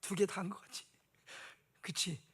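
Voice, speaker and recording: Brief: male pastor, high voice, chatty sermon style, questions for the congregation. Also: little pitch movement, normal speed, fairly bright tone, husky, whispered. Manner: conversational, asks the congregation questions.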